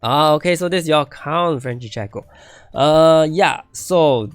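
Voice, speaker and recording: A man with a slightly high voice streams a game while reviewing viewer accounts, speaking a little slowly in casual commentary. He thinks aloud and repeats himself as his voice starts to give out, with no echo and faint music behind him.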